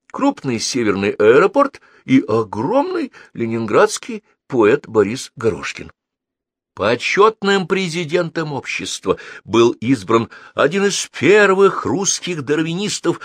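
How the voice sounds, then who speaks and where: A man reading an audiobook aloud in expressive, ironic scripted narration. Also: mid-range voice, no echo, studio quality. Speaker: audiobook reader.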